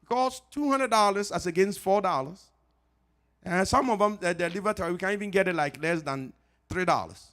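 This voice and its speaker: A middle-aged man from Ghana with a Ghanaian accent, a pharmacist giving an informal health talk at church, lively and joking, repeating his key points. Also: high voice, fairly quick.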